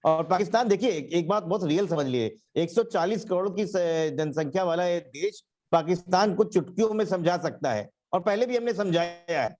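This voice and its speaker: A party spokesman arguing on a TV panel, emphatic, slowing down to read quotes word by word. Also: high-pitched, animated, darkish tone.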